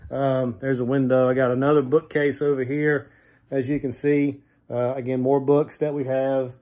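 A man's voice: mid-range voice, level tone, moderate pace, darkish tone. A man in his forties, a pastor, giving a casual rambling tour of his small wood-paneled office, filmed on a phone at arm's length. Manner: friendly, rambling tour talk with fillers. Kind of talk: casual video devotion. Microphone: phone camera at arm's length.

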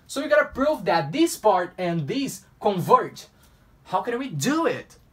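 Speaking Brazilian Portuguese-accented English, this young adult tutor from Brazil, a native Portuguese speaker, jokes to himself while solving math on a whiteboard in a small room. His delivery is high-pitched, sing-song and a little slow, bright yet forceful. The camera mic sits far from him.

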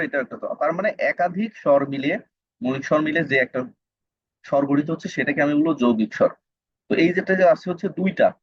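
A man's voice: fairly high pitch, husky, dry recording. A man with a Bangladeshi Bengali accent, tutoring through exam questions, asking questions and then answering them himself with many fillers. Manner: explanatory, asks and answers his own questions, frequent fillers. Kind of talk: exam question walkthrough lesson. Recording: dull, dry lo-fi sound.

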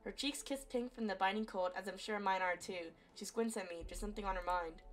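A woman streamer reading a visual novel aloud as expressive story narration. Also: medium pitch, brisk, a little hiss or hum. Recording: faint game music behind. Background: faint music.

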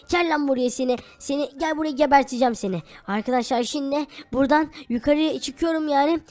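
A woman's voice: high voice, a little mellow, lightly acted. A woman voicing a jealous young ex-girlfriend in a Minecraft role-play, threatening and boasting to the viewers.

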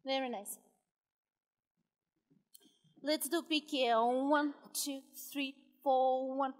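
A woman's voice: high-pitched, steady tone, slow. A woman teaching a ballet class, calling out rhythmic counts and short, commanding corrections. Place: large ballet studio with hard floor. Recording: echoey hall, piano music over voice. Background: loud piano accompaniment.

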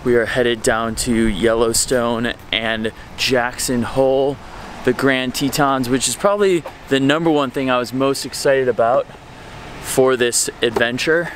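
A man's voice: medium pitch, measured pace, slight background noise. A young man talking casually to a handheld camera as he travels on a road trip, upbeat and chatty. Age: young adult. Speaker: travel vlogger. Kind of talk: casual travel vlog narration. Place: outdoors and in a room on a road trip. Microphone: handheld camera at arm's length.

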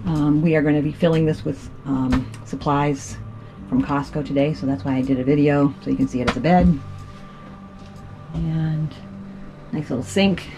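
A woman's voice: sits low, fairly even intonation, normal speed, over music. A woman giving a casual walkthrough of her sailboat, talking into a handheld camera and pointing things out with frequent ums. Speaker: boat owner giving a tour. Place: on and inside a sailboat at anchor, outdoors on deck then in the cabin.

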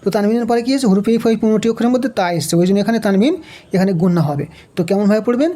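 In a warm voice, a Bangladeshi Bengali-accented man leads a step-by-step Quran recitation lesson. He first spells out letters and vowel marks, then chants the words slowly in a raised tone.

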